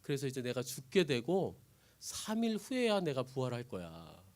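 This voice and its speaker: A preacher doing a low, solemn Jesus. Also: male voice, wildly swooping pitch, a little mellow. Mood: grave. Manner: low, slow and measured. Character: solemn male Jesus, calm and commanding.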